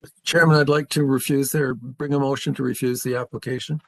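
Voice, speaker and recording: Flat-voiced gravelly Canadian man. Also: mid-range voice, no room sound. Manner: measured, hesitant with fillers. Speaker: committee member. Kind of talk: formal hearing remarks.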